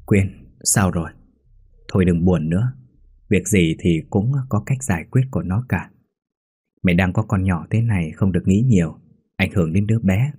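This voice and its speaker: A man's voice: sits low, normal speed, warm tone, breathy edge. A man voicing a caring young female schoolteacher who soothes and reassures her friend. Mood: soothing.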